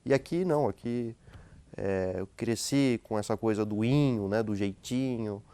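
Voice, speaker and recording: A man speaking as a guest sociologist and professor, explaining in a relaxed conversational way, tagging his sentences with questions and often restarting them. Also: lowish voice, unhurried, smooth, dry recording. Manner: frequent tag questions and hesitant restarts.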